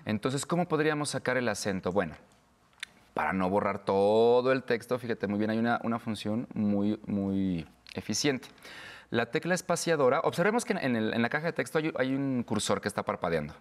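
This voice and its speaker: A man's voice: mid-range voice, expressive, big-room sound. A man, giving a patient step-by-step tutorial as an instructor. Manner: patient, explains slowly with pauses.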